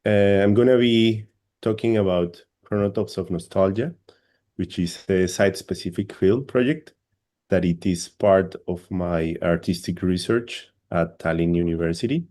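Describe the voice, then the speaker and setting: His deep, mellow voice moves at a normal speed as this Colombian man presents in English to an academic panel on a video call. He often hesitates and says words more than once.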